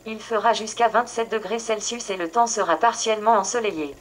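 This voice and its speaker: A synthesized female voice assistant speaking from a phone speaker in a smooth, evenly paced machine delivery. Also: medium pitch, fairly even intonation, fairly quick. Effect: synthetic text-to-speech assistant voice played from a phone speaker. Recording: faint phone speaker picked up from a distance, noisy background.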